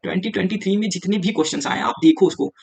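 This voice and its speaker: A young male teacher giving exam-prep advice at a brisk clip. His voice sits fairly high and has a gravelly edge. He talks casually and directly to his viewers and mixes Hindi with English. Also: a little mellow. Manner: talks straight to viewers, often saying "yaar".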